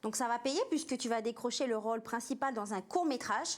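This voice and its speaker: Female talk-show host, higher voice, friendly questions to a guest. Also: brisk. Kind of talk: TV interview questions.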